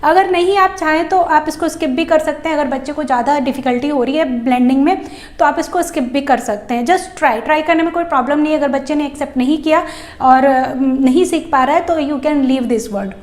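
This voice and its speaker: A woman giving a phonics lesson for parents, patiently repeating sounds slowly and clearly. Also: sits high, roomy sound. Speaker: English teacher for parents of young children. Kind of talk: phonics lesson in Hindi mixed with English.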